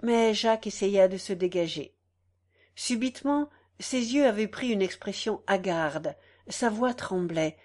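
A woman reads a novel aloud in a slow, dramatic way, leaving pauses between phrases. Her pitch sits in a middle range. The reading is measured and deliberate. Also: a little mellow. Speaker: narrator.

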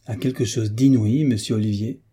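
A man's voice: fairly low pitch, steady tone, moderate pace, mellow, husky. A man doing a fretful old-fashioned housekeeper. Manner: exclaiming, fretful, curious. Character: fussy fretful female housekeeper.

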